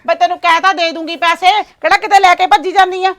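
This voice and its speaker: Brief: woman playing a sharp-tongued village wife, high-pitched, fast and scolding. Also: steady tone. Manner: scolding, bossy and blunt. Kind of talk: comedy skit acting.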